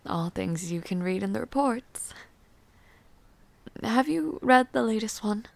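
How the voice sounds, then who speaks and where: In a fantasy audio roleplay, a woman plays a refined, tired noblewoman ruler mentoring a newcomer in intimate one-sided dialogue. She talks very slowly in a slightly low, faintly fried register, formal, gentle and patient, soft with hesitations and pauses, composed and expressive. The recording is close and dry.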